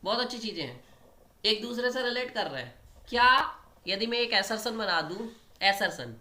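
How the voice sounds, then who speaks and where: Bright-voiced man teaching maths. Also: high voice. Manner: explains step by step, often checks in with the students. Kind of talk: online exam-prep lecture at a board.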